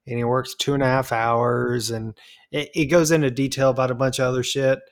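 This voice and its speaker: A man's voice: mid-range voice, fairly even intonation, brisk. A man co-hosting a podcast, telling stories in casual chat, swearing freely and acting out what people said. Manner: storytelling, acts out quoted dialogue, swears freely. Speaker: podcast co-host.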